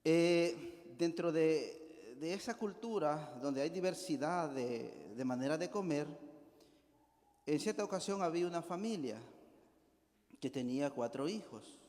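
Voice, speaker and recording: Preaching to his congregation in a church hall full of long reverb, a middle-aged man speaks Spanish with a Salvadoran accent, spinning a homely, folksy story and repeatedly seeking agreement. His fairly high voice is expressive, a little slow, and darkish in tone.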